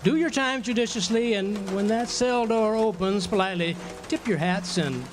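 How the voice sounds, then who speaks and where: An actor playing an affable small-town drunk in a radio drama, with a pompous, florid, theatrical delivery. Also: male voice, high-pitched, normal speed, music in the background, natural voice. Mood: wry, expounding. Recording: noisy live amphitheater stage recording.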